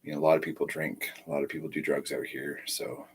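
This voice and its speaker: Very deep husky man, stuffy. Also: flat delivery, fast. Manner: rambling, repeats words. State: stuffy nose. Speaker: live streamer. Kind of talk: casual live-stream chat.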